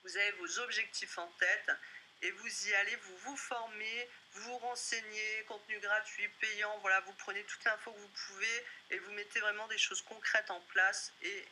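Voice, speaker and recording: Bright-voiced woman giving a webinar. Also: medium pitch, fairly even intonation, moderate pace, a little hiss or hum, low-quality recording. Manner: direct, conversational, addresses listeners as vous. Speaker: music business coach. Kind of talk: webinar presentation.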